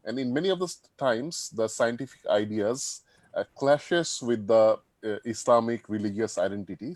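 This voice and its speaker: A man's voice: mid-range voice, darkish tone, dry recording. A man from Bangladesh, hesitantly asking a question in an online interview. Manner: hesitant, searching for words. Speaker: audience member asking a question.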